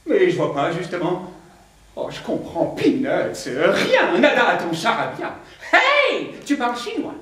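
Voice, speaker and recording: A woman's voice: on the low side, huge pitch swings, unhurried, fairly bright tone, full character voice. A woman voicing a cheeky female caterpillar with a boyish voice, slangy and teasing. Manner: slangy, teasing, giggly, repeats words. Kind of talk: stage play acting. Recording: very echoey hall.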